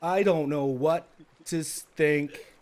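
A male game streamer chats live, excitable and flustered, laughing frequently and breaking into sudden outbursts. His voice sits on the high side, and he takes his time speaking.

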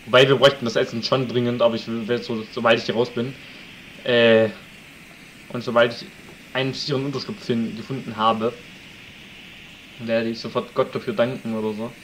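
In a low-quality recording with a little hiss or hum, a medium-pitched man casually comments on the survival game he plays. He's a chatty let's play commentator who jokes with viewers and hollers at wolves.

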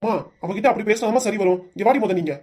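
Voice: mid-range voice, quick pace, close to an everyday voice. A performer voicing a strict, hot-tempered middle-aged father with a southern Tamil accent, who scolds his wife and weeps. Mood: scolding. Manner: scolding, shouting, then weeping.

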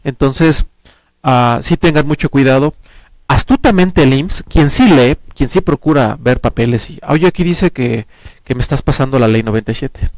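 Seated on a small indoor TV studio set, a man in his forties with a Mexican Spanish accent advises on pensions as a talk-show guest, speaking earnestly into a headset mic. His mid-range voice keeps a moderate pace in a dry recording as he explains at length, hands gesturing lively.

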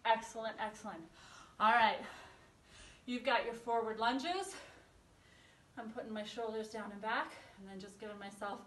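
A woman's voice: fairly high pitch, steady tone, normal speed, long pauses, a bit bright, slight background noise. A woman in her thirties coaching a workout as an aerobics instructor, giving encouraging counts and short form cues while exercising. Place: carpeted room at home. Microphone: distant camera microphone across the room. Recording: roomy echo, far from phone camera.

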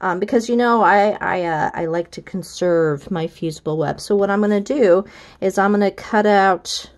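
A woman's voice: mid-range voice, normal speed. An American woman, a quilting instructor, giving a friendly, chatty how-to walkthrough. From United States.

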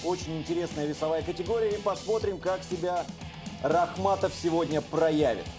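A man's voice: on the high side, normal speed, over music. A man presenting and commentating live on mixed martial arts bouts. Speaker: sports commentator.

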